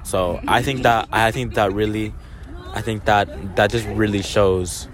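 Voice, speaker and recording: A man's voice: fairly low pitch, fairly even intonation, measured pace, a crowd in the background. A teenage boy hosting a casual joking chat in a mock-earnest, ironic zoomer way full of slang. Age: teens. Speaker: host. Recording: noisy outdoor, traffic and vehicle ambience.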